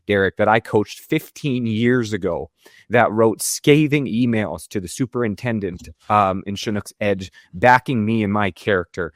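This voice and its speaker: A man's voice: on the low side, no echo, clean studio sound. A middle-aged Canadian man, a football coach, answering in an interview, earnest and emotional. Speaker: high school football coach. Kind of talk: interview guest.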